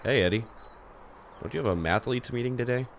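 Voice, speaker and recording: In an amateur audio drama, a man plays a popular teenage schoolboy who is level-headed and a reluctant hero, sounding calm, dry and reasoning. His natural voice sits at medium pitch and moves a little fast.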